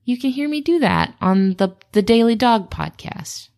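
A woman's voice: on the high side, animated, moderate pace, darkish tone. A woman hosting a casual animal review podcast, chatty and playful with dry jokes. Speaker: podcast host.

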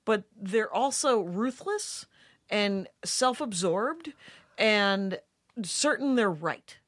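A woman's voice: mid-range voice, expressive, very slow, no room sound, studio quality. A middle-aged woman co-hosting a podcast, chatting casually and trailing off into fillers. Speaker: podcast co-host. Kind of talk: casual chat.

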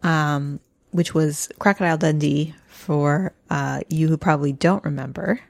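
A woman's voice: low-pitched, steady tone, unhurried, vocal fry, no room sound, studio quality. A woman co-hosting a casual podcast chat, laughing often and sharing bits of research she looked up. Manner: giggly, shares little researched facts. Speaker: podcast co-host.

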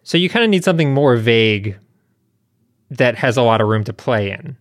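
A man with a medium-pitched, animated voice hosts a podcast at a moderate pace. His manner is casual and conversational as he moves between relaxed podcast chat and an ad read.

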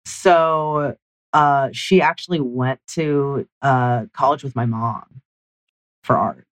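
An artist speaking in a casual conversation, warm and given to laughing. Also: mid-range voice, slow, no room sound.

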